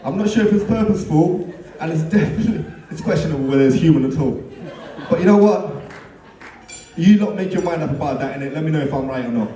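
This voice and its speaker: A man delivers a wedding best man's speech, teasing the groom with stories and chuckling at his own jokes. His voice is mellow and a touch high, heard from a distance in an echoey reception hall. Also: lively intonation, quick pace.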